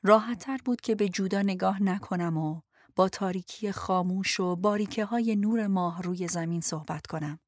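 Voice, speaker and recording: Woman narrating a quiet audiobook. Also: mid-range voice, no echo, studio quality. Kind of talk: first-person audiobook narration.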